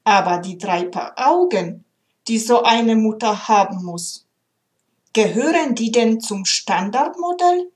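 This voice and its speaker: Gentle male angel, soft and wondering, slow, fairly high, as a woman reads him, storybook tale. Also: lively intonation. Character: gentle, caring male angel questioning the creator.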